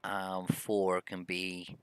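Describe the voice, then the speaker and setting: A man's voice: sits low, monotone, extremely slow, a bit bright, clear, resonant tone, no room sound. A man casually commenting on his own gameplay, rambling with many hesitations and humming to himself. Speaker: gameplay video host. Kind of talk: casual let's-play commentary.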